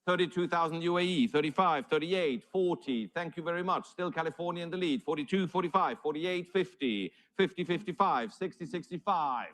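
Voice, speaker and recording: Higher-pitched male auctioneer calling bids. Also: fairly quick, few pauses, fairly bright tone. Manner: formal, courteous auctioneer's patter.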